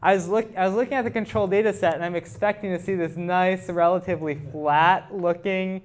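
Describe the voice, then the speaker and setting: Speaking briskly in a high voice with fairly even intonation, this male presenter and researcher gives a technical talk live. He keeps the explanations informal and poses questions to the audience.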